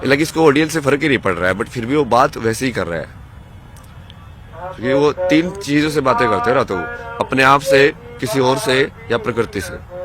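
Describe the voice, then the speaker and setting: A man's voice: mid-range voice, animated, moderate pace. A man speaking as a spiritual guru in an interview, rambling and preachy, mixing English words into his speech. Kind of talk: casual interview talk. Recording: loud crowd noise outdoors.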